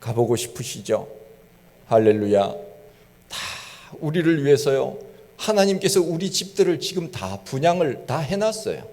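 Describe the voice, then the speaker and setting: A man's voice: on the high side, sing-song, normal speed, a little mellow, big-room sound. A male pastor preaching a sermon, drawing in the congregation with questions and calls of hallelujah.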